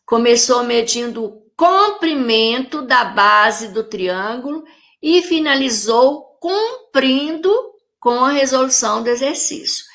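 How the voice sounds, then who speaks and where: A woman with a Brazilian Portuguese accent teaching a recorded grammar lesson for children, explaining slowly and carefully to her pupils. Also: on the high side, lively intonation, fairly bright tone.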